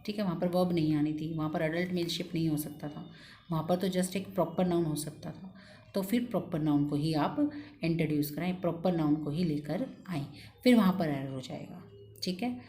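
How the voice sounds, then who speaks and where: A woman teaches a grammar lesson with a fairly low, dark and mellow voice, patient and coaxing. She repeats her points and keeps checking that her students follow along. A faint hum of room noise sits behind her. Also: normal speed. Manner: patient, coaxing, asks "ठीक है?" after each point; repeats key points, calls students "बेटा". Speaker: English teacher.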